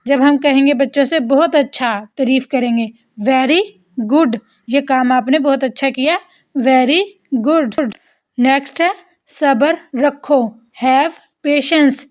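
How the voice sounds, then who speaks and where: A woman teaching short everyday phrases in a slow, deliberate way, repeating each one for learners. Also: high-pitched, darkish tone. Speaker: English teacher. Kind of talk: spoken language lesson.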